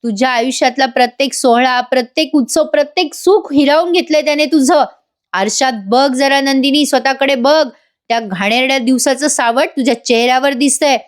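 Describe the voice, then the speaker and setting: A woman's voice: sits high, brisk, natural voice. A woman doing a furious stern father. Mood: angry. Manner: scolding, raised voice. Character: angry stern older father.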